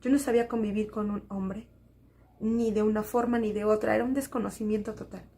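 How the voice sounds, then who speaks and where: A woman's voice: medium pitch, steady tone, a little fast, mellow. A woman gives an emotional church testimony, repeating phrases and speaking straight to the congregation.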